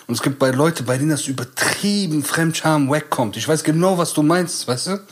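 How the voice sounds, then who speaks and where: A man's voice: fairly high pitch, animated, moderate pace. A man co-hosting a podcast, talking in a loose, slangy way and often tagging on "you know?". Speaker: podcast co-host. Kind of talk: casual chat.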